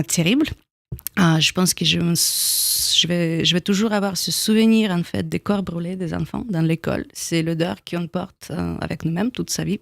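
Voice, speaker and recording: A woman in her thirties with a Russian accent, a radio interview guest who speaks thoughtfully, with frequent pauses and small slips. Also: lowish voice, gravelly, no room sound. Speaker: guest, documentary filmmaker. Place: radio studio.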